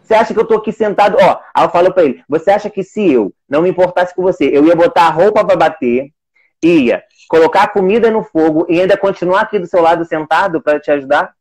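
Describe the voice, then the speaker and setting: A fast-talking man with a fairly high, slightly mellow, husky voice chats casually in a live video call. As an adoptive single father who teaches young kids, he rambles, restarts constantly, and quotes exchanges with his son.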